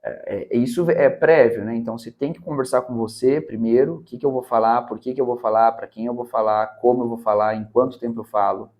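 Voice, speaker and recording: In a relaxed interview, a public-speaking mentor from Brazil makes his points emphatically, frequently tagging them with "cara" and "né". He has a Brazilian Portuguese accent and a slightly mellow, medium-pitched voice with a steady tone, speaking briskly with few pauses.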